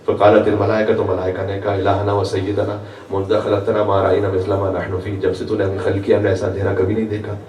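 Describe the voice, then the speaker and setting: A man's voice: lowish voice, completely flat delivery, a little mellow. A male guest preacher delivering a religious sermon at a gathering, weaving chanted quotations into his explanations. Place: large hall at a religious gathering. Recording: echoey hall picked up from far off.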